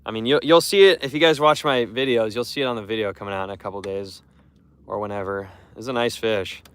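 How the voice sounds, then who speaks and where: A man's voice: on the low side, steady tone, quick pace, fairly bright tone, clear, resonant tone. A young man chatting casually to his live stream viewers while fishing from a boat on a lake, rambling and repeating himself. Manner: rambling, repeats words, talks to chat.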